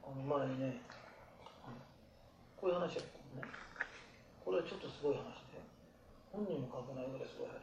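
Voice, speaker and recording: A man giving life advice to a small group in blunt, rough, colloquial talk. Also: mid-range voice, fast, pauses often, roomy sound, muffled recording, noisy background.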